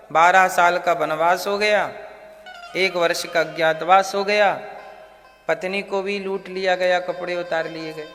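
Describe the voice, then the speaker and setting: A man's voice: high voice, a bit bright, big-room sound. A man telling a devotional story as a sermon, asking the audience questions and answering them himself. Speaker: religious storyteller.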